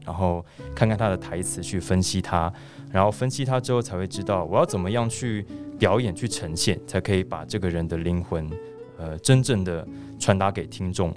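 A Taiwanese voice actor with a low, deep, soothing voice answers interview questions thoughtfully. His delivery is measured and earnest, and soft music plays beneath him.

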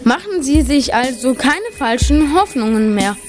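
A woman's voice: high voice, sing-song, unhurried. A woman voicing a dainty, haughty female cork ball in a storybook reading, smug and dismissive. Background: music.

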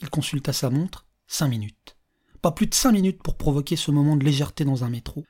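A narrator reading a story aloud in a calm, measured audiobook style. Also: medium pitch, slightly rough.

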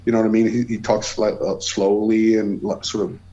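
A Swedish man in his forties, a guest musician with a Swedish accent, talks casually, rambling, restarting sentences and repeating words. His lowish, dark voice is flat and a little fast, captured on a lo-fi, dull recording with slight background noise.

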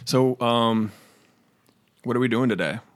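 A man's voice: medium pitch, a little slow. A young adult man co-hosting a casual chat. He is talkative, jokes loosely and laughs easily. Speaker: co-host.

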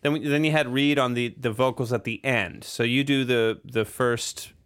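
A man's voice: medium pitch, normal speed, clear, resonant tone. A man co-hosting a podcast, chatting loosely about recording a song, with plenty of fillers. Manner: relaxed, rambling with fillers. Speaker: podcast co-host, drummer. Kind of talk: casual chat about their record.

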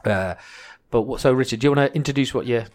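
A man's voice: mid-range voice, fast talker, a little mellow. A man with a Welsh accent hosting a podcast in a chatty, joking way, often restarting his sentences. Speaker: podcast host. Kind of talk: casual podcast chat.

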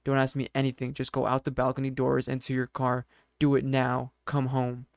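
A frantic wife giving sharp orders, as a male storyteller reads her lines. The voice is smooth and clear, with little rise and fall, close and dry to the mic. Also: mid-range voice, completely flat delivery, normal speed, dry recording, natural voice. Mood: urgent. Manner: urgent, commanding. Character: worried wife urging her husband to flee.

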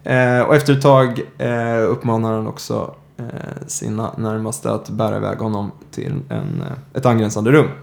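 A man hosting a podcast, telling a true-crime story in a casual way, often pausing on filler sounds. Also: fairly low pitch, animated, gravelly, a little mellow. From Sweden. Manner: hesitant, many filler "eh"s. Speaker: podcast host.

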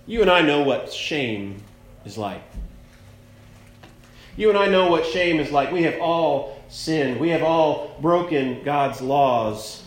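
A pastor with a fairly high voice preaches a sermon at a pulpit microphone, unhurried and expressive. His style is plainspoken and conversational, leaning on key words with slow, emphatic stresses. The sound echoes around a church sanctuary.

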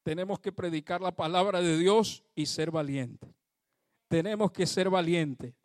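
A man's voice: high-pitched, a little slow, dry recording, studio quality. A man preaching a sermon to his congregation, fervently calling out praise to God and asking the church questions. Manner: addresses the congregation directly, asks them questions. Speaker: pastor.

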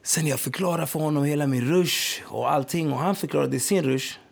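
In a slightly high, creaky voice, a man who used to play football shares streetwise anecdotes in an informal interview. He often checks that his listener follows, repeating "förstår du vad jag menar".

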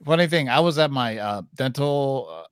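A man's voice: mid-range voice, expressive, normal speed, clean tone, no room sound, clean studio sound. A man co-hosting a casual comic sales chat, joking and swearing, trailing off with fillers. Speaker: co-host of a comic sales show.

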